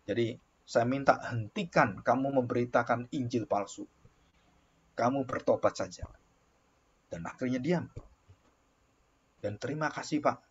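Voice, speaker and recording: Pastor guy preaching, husky voice, acts out the convo, kinda muffled lo-fi recording. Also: mid-range voice, a little slow, pauses often. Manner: storytelling with acted dialogue, exclamatory. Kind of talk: sermon. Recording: dull lo-fi recording.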